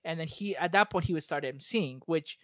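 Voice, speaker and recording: A man's voice: a little high, a little fast, bright, forceful tone, no room sound, studio quality. A man in casual chat, explaining at length with many restarts and fillers.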